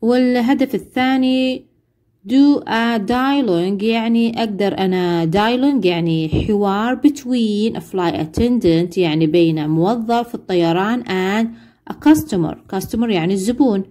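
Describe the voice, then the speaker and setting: A woman English teacher, explaining a lesson word by word and reading English phrases slowly. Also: medium pitch, mellow. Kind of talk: classroom explanation.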